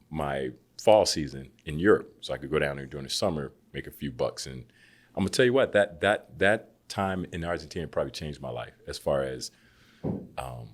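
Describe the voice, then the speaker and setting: Deep voiced american guy in his 50s, old hoops player telling road stories on a podcast, goes high and animated doing other people's lines. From United States. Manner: lively storyteller who acts out quoted people with big jumps in pitch. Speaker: guest, former pro basketball player. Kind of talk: casual storytelling chat.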